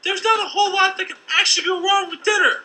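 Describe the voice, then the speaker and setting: Skeptical young game girl on the phone, very high bright voice, teasing. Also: steady tone, fast talker, soft background music, poor audio.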